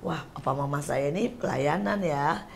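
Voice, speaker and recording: A woman's voice: low voice, normal speed, creaky, a little hiss or hum. An older woman hosting a casual talk show, chatty and teasing as she asks her guests questions. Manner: chatty, teasing, laughs often. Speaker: host.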